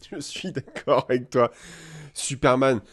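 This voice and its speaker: A man from France hosting a casual live chat, lively and playful, laughing often. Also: mid-range voice, slow pace. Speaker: host. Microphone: live video call.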